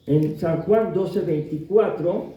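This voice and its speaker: A man's voice: fairly high pitch, slow. A man preaching a sermon as pastor, emphatic, acting out quotes from everyday speech and scripture. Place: church hall. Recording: very echoey hall, distant mic, dull sound.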